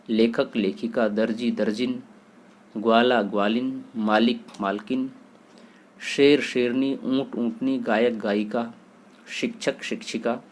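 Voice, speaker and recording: A man teaching a grammar lesson for exam students, steadily listing word pairs and asking and answering his own questions. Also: on the low side.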